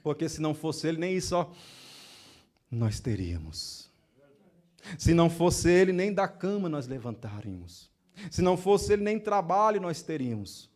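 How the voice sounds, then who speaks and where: Fervent preacher, higher voice. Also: male voice, sing-song, moderate pace. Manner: fervent, swinging between soft and loud, acting out prayers to God. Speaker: church elder preaching. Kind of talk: sermon.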